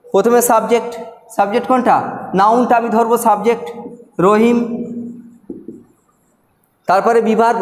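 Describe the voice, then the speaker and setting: A man's voice: high voice, roomy sound, long reverb tail. A man with a Bengali accent teaching English grammar in a classroom, explaining step by step, repeating key words and checking that students follow. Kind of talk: classroom lesson.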